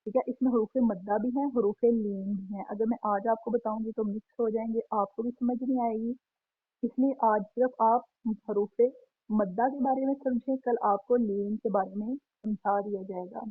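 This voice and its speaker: A woman teaching a Quran recitation lesson, patiently repeating each point and drawing out sample syllables slowly. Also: on the high side, steady tone, slightly rough, no room sound. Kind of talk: online tajweed lesson. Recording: tinny phone-like sound, dry.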